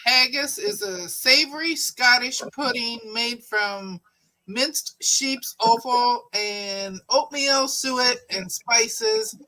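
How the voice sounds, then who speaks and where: A woman's voice: a little high, slow pace, sharp tone, poor audio. A woman co-hosting a casual chat, reading out viewer comments and laughing easily.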